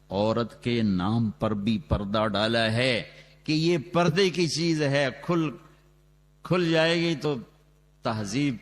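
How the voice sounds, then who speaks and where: A man preaching a sermon and telling the story dramatically, his voice rising loudly, with Quranic Arabic chanted slowly. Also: mid-range voice, a little hiss or hum. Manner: dramatic storytelling with sudden loud rises and quick asides. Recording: long reverb from a large hall, on a loudspeaker.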